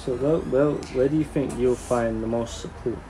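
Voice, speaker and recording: Flat-voiced man asking questions. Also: mid-range voice, normal speed, low-quality recording. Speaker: interviewer. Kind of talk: casual interview conversation. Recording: clear crowd chatter behind.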